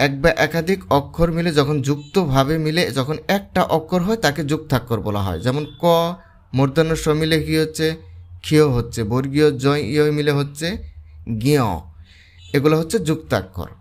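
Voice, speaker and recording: A man with a Bangladeshi accent explaining exam answers as a tutor, walking through examples slowly and steadily. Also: on the high side. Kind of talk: explanatory lesson.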